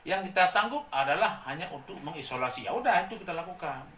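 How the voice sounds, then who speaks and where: A male preacher giving a lively sermon, asking the congregation to complete his sentences. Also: fairly high pitch, quick pace. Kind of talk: sermon with call-and-response. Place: hall with a gathered congregation. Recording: echoey room, distant mic, faint noise.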